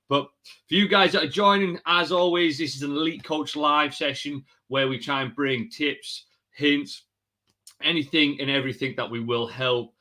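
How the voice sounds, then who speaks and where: A man hosting a live session for coaches, chatty and energetic, calling viewers mate and guys. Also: medium pitch. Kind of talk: casual live-stream talk to viewers.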